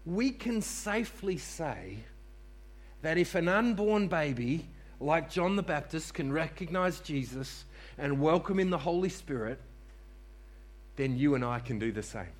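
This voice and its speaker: A man's voice: fairly high pitch, animated, measured pace. A man preaching a sermon to a congregation in church, repeating key phrases for emphasis and calling on listeners to respond. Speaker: pastor.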